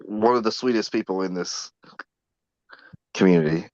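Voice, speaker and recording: A man chatting earnestly about a fellow player, rambling a little and speaking softly. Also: low-pitched, moderate pace, dry recording, dull audio. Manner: soft-spoken, rambling and earnest. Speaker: former contestant. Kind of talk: casual podcast chat.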